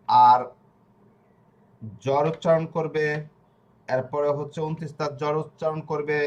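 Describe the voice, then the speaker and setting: Repetitive man teaching a language lesson. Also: on the high side. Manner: repeats each point slowly, asks and answers his own questions.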